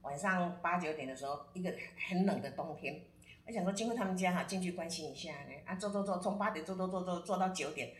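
A woman with a Taiwanese Mandarin accent, a podcast guest telling lively stories and mixing in Taiwanese Hokkien words. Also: fairly low pitch, fast, echoey room. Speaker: guest telling stories about friends and astrology. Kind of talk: casual podcast storytelling.

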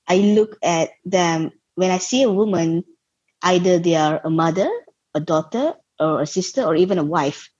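Interviewed as a guest, this young woman from Malaysia, founder of a social enterprise, speaks with a Malaysian accent and weighs her answers, hunting for the right words. Her voice sits low with a darkish tone and a breathy edge; the recording is dry, dull and lo-fi.

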